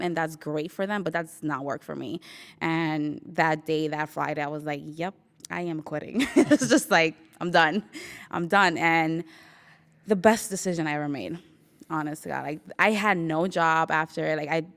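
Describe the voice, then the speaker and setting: A young woman from New York tells a personal story in a relaxed, chatty way. Her voice sits low and sounds clear and smooth. She often acts out what she said and breaks into laughter. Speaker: interviewee sharing her story.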